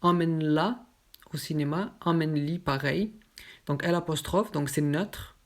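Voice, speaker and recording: A teacher giving a grammar lesson, stating each example form slowly and clearly before explaining it. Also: mid-range voice. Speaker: French teacher.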